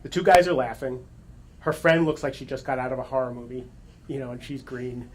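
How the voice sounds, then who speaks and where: A man telling an animated, excited story to an audience at a gathering, with quick self-corrections and laughs. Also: medium pitch. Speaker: coach and speaker.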